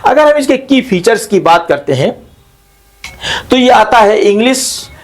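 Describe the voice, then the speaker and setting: Male lecturer, high voice, deliberate pace, pauses and corrects himself while explaining. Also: very animated, faint music behind. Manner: slow, explanatory, repeats terms and translates each into Hindi; frequent hesitation fillers and self-corrections. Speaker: English literature teacher. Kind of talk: classroom lecture mixing Hindi and English.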